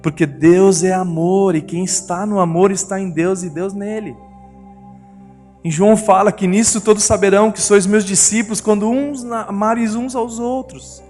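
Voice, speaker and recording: In a church hall awash in long reverb and music, a middle-aged pastor with a Brazilian Portuguese accent tells family stories during his sermon, imitating the voices of his wife and kids. He speaks at a normal speed in a high-pitched, steady, slightly mellow voice.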